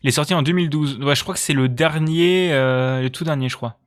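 A man hosting a casual video game chat, relaxed and joking, with hesitant restarts. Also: a little high, fairly quick. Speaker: podcast host.

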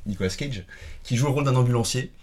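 A man chats casually about movies with friends. His voice sits at an ordinary middle pitch. He rambles, restarts and fills pauses as he goes. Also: darkish tone. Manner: rambling, many fillers and restarts. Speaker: podcast co-host. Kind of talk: casual film chat.

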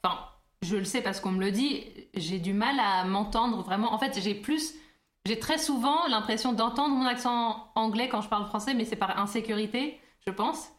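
A woman talks casually on a podcast, her voice sitting a little high. She rambles, with many hesitations and restarts. The room around her rings with a noticeable echo. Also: normal speed. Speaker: podcast co-host. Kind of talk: casual chat. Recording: roomy echo.

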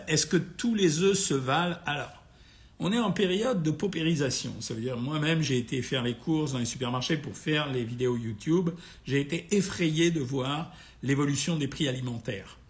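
A man with a gravelly, hoarse, tired voice, informally answering listeners' questions as a doctor in a blunt, familiar way. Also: fairly high pitch. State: tired, a bit worn out. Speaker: doctor hosting a nutrition question-and-answer session. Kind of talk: informal live question-and-answer, reading out comments and replying.

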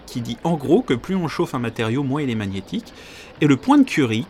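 A man hosting a podcast, reading a comic diary in a deadpan, absurd storytelling manner over background music. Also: fairly high pitch, slight background noise. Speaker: podcast host. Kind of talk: comedic scripted narration as a diary.

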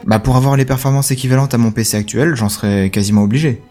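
A man co-hosting a casual tech podcast, calm and matter-of-fact, holding to his view. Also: medium pitch, fast talker, soft background music. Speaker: podcast co-host.

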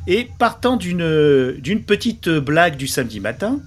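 Animated joking podcast host, man. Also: a little high, measured pace. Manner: jokey, animated, self-mocking. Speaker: podcast host and jury president. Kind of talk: casual chat on a live podcast event. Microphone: voice call over Discord.

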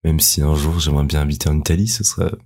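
A man's voice: extremely low pitch, steady tone, very fast, a little mellow, slightly rough. A man of thirty, a heritage guide, talking in a casual interview with many fillers and frequent laughs.

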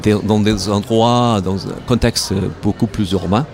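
Halting man with a foreign accent, crowd behind. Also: fairly low pitch, fairly even intonation, vocal fry. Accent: foreign accent in French. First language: not French. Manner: halting, repeats words while searching for phrasing. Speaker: company representative being interviewed. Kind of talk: interview answers at a trade show. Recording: busy trade-show crowd behind. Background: crowd chatter of a trade fair.

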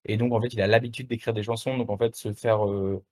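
A young man with a slightly low voice chats casually as a guest on a morning stream. He talks in a relaxed, slangy way, stopping and restarting often with lots of fillers. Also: fast talker. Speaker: musician guest. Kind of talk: casual interview chat.

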